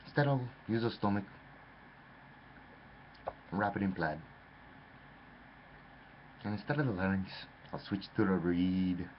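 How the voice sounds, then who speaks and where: Low-voiced and a bit slow, this man pauses often while telling a meandering, dramatic story addressed to "lad." The recording is dull and lo-fi, carrying faint noise.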